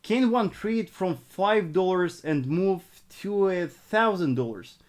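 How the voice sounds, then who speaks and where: A young adult man from northern Russia, with a Russian accent, answers live chat questions on a trading stream. He is halting, repetitive, conservative and earnest, restarting often, and his expressive voice sits high.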